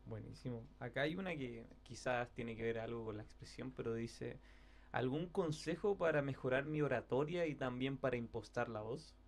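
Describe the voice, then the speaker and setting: A man's voice: mid-range voice, moderate pace, gravelly. Man hosting a casual interview. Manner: reads out viewer questions, brief agreeing replies. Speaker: host.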